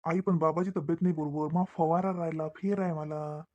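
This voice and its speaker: A man's voice: fairly high pitch, steady tone, normal speed, a little mellow, highs cut off, close to an everyday voice. A man voicing an easygoing, penny-pinching village farmer husband in a cartoon, with a mild, placating drawl.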